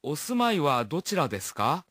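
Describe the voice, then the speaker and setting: Leo, a man voicing a husky, polite young man. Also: on the high side, very animated, a bit bright, dry recording, studio quality. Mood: careful. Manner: careful, polite phrasing, read slowly for practice. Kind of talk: scripted dialogue and model phrases for learners.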